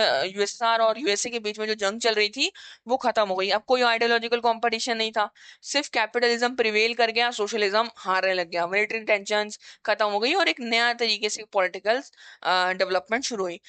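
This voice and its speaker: A woman's voice: fairly high pitch, a bit bright, smooth, no room sound. A woman teaching a casual exam-revision lesson, explaining with everyday examples and frequent fillers.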